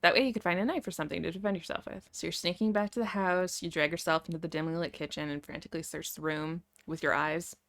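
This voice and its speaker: A woman's voice: lowish voice, fairly even intonation, fast talker, few pauses, fairly bright tone. A young woman YouTuber reading a story aloud, with wry, sarcastic asides.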